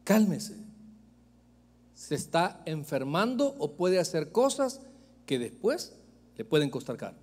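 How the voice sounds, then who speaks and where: A man's voice: a little high, very animated, slow, pauses often, darkish tone, big-room sound. A male pastor preaching a sermon, emphatic and joking as he speaks straight to the congregation. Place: church sanctuary.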